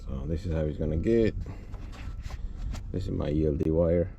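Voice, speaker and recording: A trucker who vlogs talks viewers casually through a hands-on repair as he works, his bass voice warm and at normal speed with the highs cut off. The recording is clear, with background noise and clicks.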